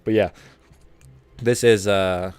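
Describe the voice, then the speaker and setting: A man with a low, deep voice talks loosely to his viewers while gaming. His chat is rambling and laid-back, full of asides. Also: steady tone, slow, darkish tone, smooth, faint music behind. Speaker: streamer. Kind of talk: casual gaming stream chat.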